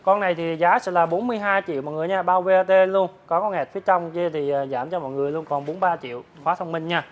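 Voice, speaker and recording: A man, a motorbike dealer, giving a hard-sell promotional sales pitch to viewers, repeatedly rattling off prices. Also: steady tone, rapid-fire, few pauses. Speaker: motorbike dealer presenting his stock. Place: large open-sided metal-roofed motorbike warehouse.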